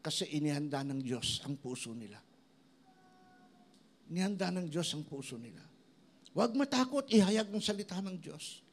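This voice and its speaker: A man pastor preaching a sermon, mixing English into his talk and acting out the voices of people he quotes, with big swings between loud and soft. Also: a little high, normal speed, long pauses. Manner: preaching in Tagalog mixed with English, lively swings in loudness; acts out quoted voices of others. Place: church.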